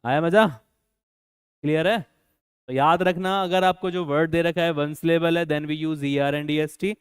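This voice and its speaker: A man's voice: a little high, fairly even intonation, takes it slowly, clean tone, dry recording, studio quality. A man teaching a grammar lesson, asking his students rhetorical questions and repeating key points. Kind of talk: classroom-style grammar lesson.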